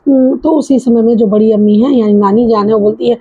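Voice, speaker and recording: Woman storyteller, higher voice with a breathy edge, informal retelling full of fillers, dull lo-fi sound. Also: steady tone, brisk. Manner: conversational, with frequent fillers and restarts. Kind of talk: casual spoken retelling of a story. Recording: dull lo-fi recording.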